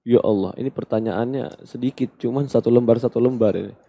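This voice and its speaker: Gravelly, emphatic man preaching a sermon. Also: mid-range voice, a little fast. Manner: animated, rising to emphatic bursts then dropping to soft quoted asides. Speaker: Islamic preacher answering questions. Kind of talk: sermon, Q&A lecture.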